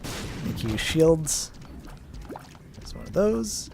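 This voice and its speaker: Man rambling over gameplay, slightly high. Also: very animated, very slow, gravelly, a little mellow, slight background noise. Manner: rambling, self-deprecating asides. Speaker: let's play host. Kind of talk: casual gameplay commentary.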